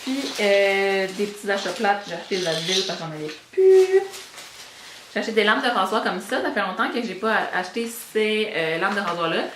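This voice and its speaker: A woman's voice: medium pitch, sing-song, fairly quick, a bit bright, echoey room, a little hiss or hum. A young woman with a Québécois French accent, chatting casually and rambling about her beauty buys, slipping in English words. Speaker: beauty vlogger. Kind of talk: casual chat.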